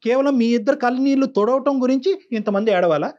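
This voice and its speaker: Stern fast-talking male counselor. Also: very high-pitched, dull audio, background noise. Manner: stern, preachy, repeats phrases for emphasis. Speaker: counselor on a call-in show. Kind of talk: lecturing advice to a caller.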